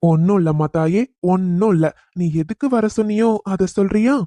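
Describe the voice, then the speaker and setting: A man voicing a caring young man in a cartoon who teases his cousin but comforts her gently. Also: sits high, moderate pace, no room sound, lightly acted. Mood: teasing. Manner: teasing yet protective, talks gently to calm her. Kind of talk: cartoon voice acting.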